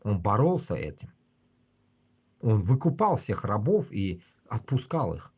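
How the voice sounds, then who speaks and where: A man with a husky voice, ranting casually and bluntly on a livestream with constant swearing. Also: on the low side, very animated, unhurried, a little mellow, muffled recording. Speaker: livestream host. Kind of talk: casual rambling livestream rant.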